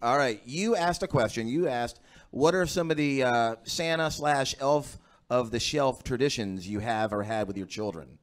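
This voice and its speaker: A man's voice: medium pitch, moderate pace. Easygoing male radio host. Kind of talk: casual radio interview.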